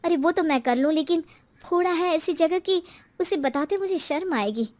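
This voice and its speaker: A woman's voice: very high voice, moderate pace, a little mellow. A woman voicing a meek, weary middle-aged housewife and mother in a moral story, hesitant and submissive. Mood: pained, hesitant.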